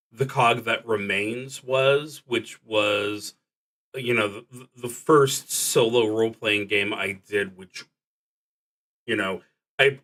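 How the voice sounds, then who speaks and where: This man's mid-range voice sounds pushed and bright as he streams solo tabletop roleplaying. He walks through the game in a casual, earnest, halting manner, leaving long pauses.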